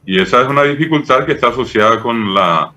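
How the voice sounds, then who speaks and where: Un hombre de mediana edad con acento paraguayo, profesor invitado que explica con paciencia y muchos "eh" y "¿verdad?". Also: male voice, medium pitch, quick pace, pushed and bright, soft background music. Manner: patient, didactic, many fillers "eh" and "¿verdad?". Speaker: Guaraní language professor, guest. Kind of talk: explanatory interview talk.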